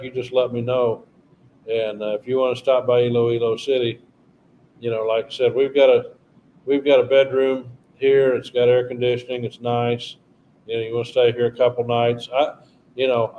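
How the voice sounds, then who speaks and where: A middle-aged man who speaks English as his first language hosts a casual live stream, rambling through memories and addressing viewers in chat by name. His voice is medium-pitched and a little mellow, with the highs cut off and slight background noise.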